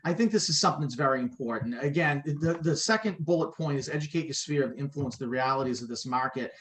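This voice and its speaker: A man hosting a real estate training call, talking in a casual, energetic way. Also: medium pitch, a little hiss or hum. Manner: fast, energetic, conversational. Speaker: training session host.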